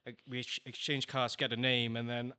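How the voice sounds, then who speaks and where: A man's voice: mid-range voice, level tone, moderate pace, pushed and bright, clean tone, no echo. A man from Malaysia, a startup founder, chatting casually as an interview guest, laughing often and tagging "you know".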